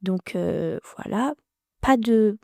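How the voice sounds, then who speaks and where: A woman in her thirties, a podcast guest, recounting a personal story in a halting, emotional way with many restarts. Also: mid-range voice, animated, vocal fry, a little mellow, dry recording, clean studio sound.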